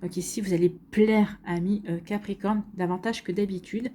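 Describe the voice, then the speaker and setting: A woman's voice: medium pitch, fairly even intonation, normal speed, dark tone, a little hiss or hum. A woman giving a casual tarot reading to her viewers, chatty and full of fillers and repeats. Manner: chatty, many fillers and repeated "donc ici". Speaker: tarot card reader.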